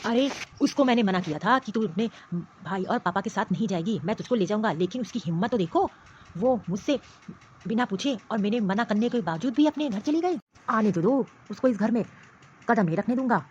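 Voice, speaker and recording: A woman voicing a harsh, stubborn young husband in an animated cartoon, speaking in an angry, threatening, domineering way. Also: mid-range voice, a little fast, slight background noise, voice pushed down, lightly acted. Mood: furious. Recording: slightly muffled lo-fi recording.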